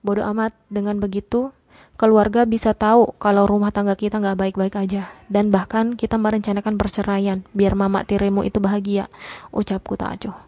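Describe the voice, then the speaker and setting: Female narrator and channel host; expressive first-person novel reading, mellow tone. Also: mid-range voice, a little fast, no echo. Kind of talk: reading her own novel aloud.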